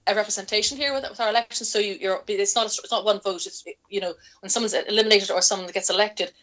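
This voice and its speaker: A woman with an Irish accent, a guest in an interview, telling stories in a lively way and laughing often as she talks. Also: medium pitch, fast. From Ireland. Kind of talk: casual storytelling in an interview.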